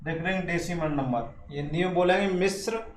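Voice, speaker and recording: In an echoey room with faint hiss in the background, a man teaches a classroom maths lesson, frequently repeating points and answering his own questions. His voice is on the high side and his speed normal.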